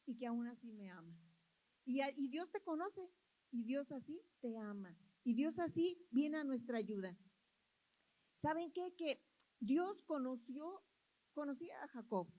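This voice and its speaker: Woman preacher, high voice, earnest, asks the congregation questions. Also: darkish tone, poor audio. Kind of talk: sermon.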